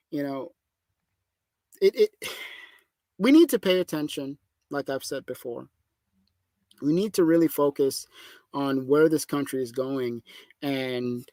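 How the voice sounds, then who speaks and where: A man's voice: a little high, a little mellow, no echo. A man hosting a podcast, talking politics in an emphatic, opinionated casual chat. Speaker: podcast host.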